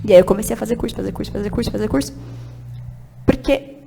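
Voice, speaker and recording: A woman's voice: mid-range voice, quick pace, creaky, dark tone, a little hiss or hum. A woman directing a church children's ministry, chatting animatedly on a podcast, laughing often and urging listeners on with emphatic encouragement. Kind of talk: casual podcast chat.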